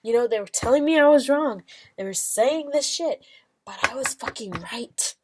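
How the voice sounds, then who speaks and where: A woman's voice: high-pitched, animated, moderate pace, voice pushed up. A woman voicing a vindictive, smug male police inspector who swears and gloats, in a casual retelling. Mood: gloating.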